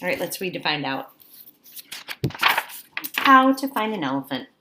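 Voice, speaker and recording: Heavy background noise surrounds a woman teacher reading a picture book to children in a voice on the low side. She reads with expression and warmth, pausing to ask her young listeners questions.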